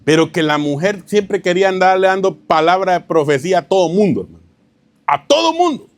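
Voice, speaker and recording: A man with a fairly high voice preaches a teaching sermon to his congregation. He keeps checking whether they follow him and calls them brother. He tells stories in an easy, informal way. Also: fast talker, dry recording. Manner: keeps asking the congregation rhetorical questions, addresses them as "hermano". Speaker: pastor.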